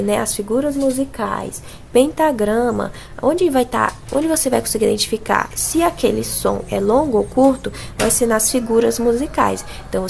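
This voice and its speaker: A woman's voice: a little high, creaky, darkish tone, a little hiss or hum. A Brazilian woman teaching a casual music theory lesson, explaining patiently and singing notes and imitating sounds to show them. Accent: Brazilian Portuguese.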